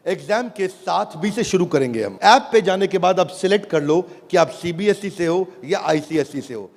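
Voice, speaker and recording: A man with an Indian accent is on stage at a product launch in a large event hall, giving an emphatic motivational sales presentation to a live audience, calling out to them and repeating phrases. His voice is high, with lively intonation, moderate pace, and vocal fry. The hall echoes, and the background is loud with audience noise.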